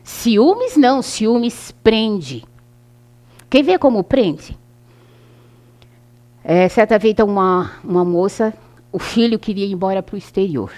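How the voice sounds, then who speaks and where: Older Brazilian woman with lively pitch. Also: slow pace, long pauses. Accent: Brazilian Portuguese. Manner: anecdotal, acts out quoted dialogue. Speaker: lecturer at a spiritist center. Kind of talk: informal talk to a group.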